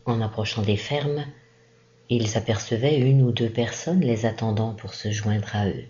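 A woman reading a classic short story aloud in a slow, measured, expressive narration. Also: a bass voice, lo-fi sound, slight background noise. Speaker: reader. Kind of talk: literary audiobook narration.

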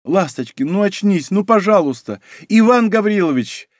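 A man voicing a desperate young woman trapped in danger, shouting and pleading frantically. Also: high voice, expressive, moderate pace, no room sound, studio quality, pitched above the performer's own voice.

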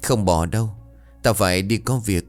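A man voicing a quiet, sad boy in a ghost story, speaking gently to his friend. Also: on the low side, normal speed, soft background music, lightly acted. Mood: gentle.

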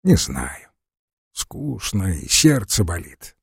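A man reading an audiobook voices a glum, taciturn gentleman who answers tersely in a low, subdued way. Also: sing-song, slow, creaky, husky, no echo, studio quality, exaggerated voice.

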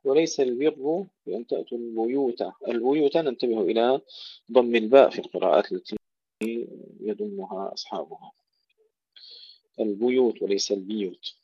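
A man teaching tajweed, slowly and precisely reciting Quranic words and repeating them to contrast correct and wrong pronunciation. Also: medium pitch, slightly rough, dry recording, muffled recording. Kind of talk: tajweed lesson with recited examples. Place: home or small room, steps away to handle a phone.

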